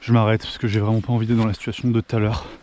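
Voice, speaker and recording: A man's voice: lowish voice, level tone, rapid-fire, background noise. A man from France filming himself on a mountain hike, chatting casually and thinking aloud with restarts. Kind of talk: casual vlog narration. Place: mountain trail outdoors. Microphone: handheld camera.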